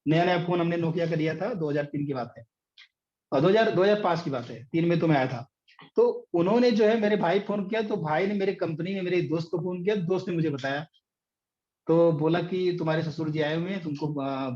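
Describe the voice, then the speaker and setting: A man's voice: a little high, a little mellow. A middle-aged man, a business coach telling stories and teaching in an online session, with frequent fillers. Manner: anecdotal and hesitant, many fillers. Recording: dull lo-fi audio.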